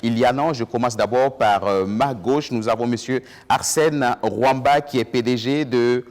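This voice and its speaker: A man with a Burkinabè accent hosting a studio debate, introducing guests in a hesitant, drawn-out way. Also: mid-range voice, a little mellow, long reverb tail. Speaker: talk show host.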